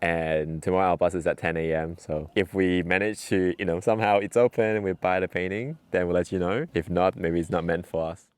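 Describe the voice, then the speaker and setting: A man's voice: sits low, steady tone, brisk, hardly any pauses, clean tone, no room sound. A man with a Cantonese accent chatting casually as a travel vlogger. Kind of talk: casual chat to camera.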